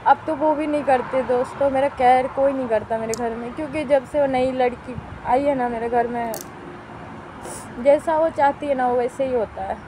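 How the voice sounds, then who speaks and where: A woman's voice: sits high, fairly even intonation, moderate pace, background noise. A middle-aged woman talking to her viewers in a home vlog, plaintive and complaining, often going back over the same points. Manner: plaintive, complaining, repeats herself. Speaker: vlogger. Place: at home by a wood stove, outdoors.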